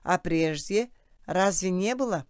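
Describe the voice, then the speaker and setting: Кастинг: женщина в роли напористого насмешливого мужчины-допросчика, чистый голос. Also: female voice, lowish voice, animated, a little slow, darkish tone, no room sound, studio quality. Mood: pushy. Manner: pressing, mocking questions. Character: bossy male interrogator, mocking, pushy.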